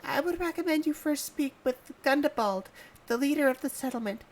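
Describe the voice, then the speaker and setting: A man voicing a gentle young woman, a settler's daughter, reading her game lines softly and apologetically. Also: extremely high pitch, lively intonation, a little fast, pitched above the performer's own voice, poor audio. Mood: polite. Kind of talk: reading game dialogue aloud. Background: game music.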